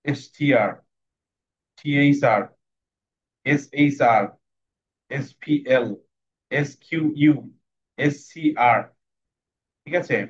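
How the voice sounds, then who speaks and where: A man teaching English phonics to young students in an online class, patiently and slowly repeating sounds for them to copy. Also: medium pitch, dull audio.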